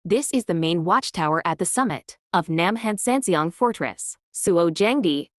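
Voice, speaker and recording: A woman giving calm, measured, scripted travel narration as a vlogger on a winter hike. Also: on the low side, no room sound, studio quality.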